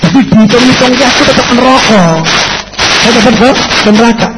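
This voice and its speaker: A man's voice: very high voice, steady tone, fairly quick, pitched above the performer's own voice. A man voicing a condemned male sinner who pleads desperately for help, with a Javanese accent. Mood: pleading. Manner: pleading, crying out. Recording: echoey hall, faint background noise.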